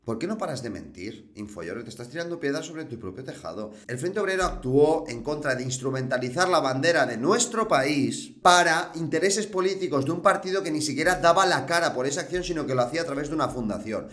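A man's voice: fairly high pitch, animated, brisk, hardly any pauses, a bit bright. Scolding man. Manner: combative, scolding, mocking. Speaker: host. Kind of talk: reaction rebuttal.

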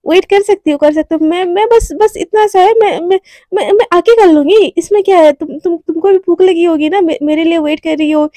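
A woman's voice: very high-pitched, moderate pace, dark tone, dry recording. A woman voicing a nervous young woman in love who stammers and repeats her words. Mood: flustered. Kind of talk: storyteller voicing a character.

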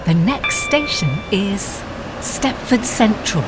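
A woman giving automated onboard train announcements in a slow, polite, formal manner. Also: medium pitch, lively intonation, background noise. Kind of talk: recorded public announcement.

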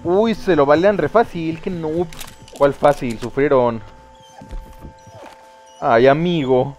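Young Mexican male streamer, slightly raised voice, loose and excitable, swears freely while he plays. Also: on the high side, slow, faint music behind. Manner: casual, excitable, swears freely, talks to chat. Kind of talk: live gameplay commentary.

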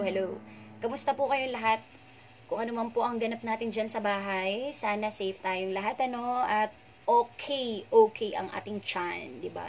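A woman's voice: fairly high pitch, a little hiss or hum. A young woman hosts a casual live stream from home, chatting playfully and reading out viewers' names and greetings. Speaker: radio host doing a live stream.

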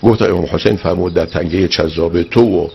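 A man's voice: vocal fry, husky. A man preaching and telling a religious story, acting out the people in it with big swings in his voice. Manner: animated storyteller, acts out quoted speech with big pitch swings.

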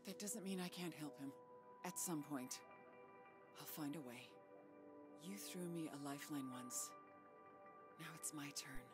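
Scheming, persuasive fugitive. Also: female voice, sits low, a little slow, pauses often, music in the background. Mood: pleading. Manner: pleading, persuasive. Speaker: game character.

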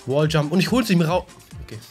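A man doing excitable let's-play commentary, shouting and wailing when he fails, sometimes singing his words, talking straight to his viewers. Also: on the high side, fast, soft background music. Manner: excitable, shouts and wails at failures, playful sing-song bits; talks straight to viewers as "Leute". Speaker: gaming YouTuber.

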